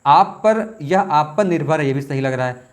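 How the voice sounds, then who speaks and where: A man teaching, working through exam questions aloud, repeating words slowly as he thinks aloud. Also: fairly high pitch, expressive. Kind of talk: test question walkthrough.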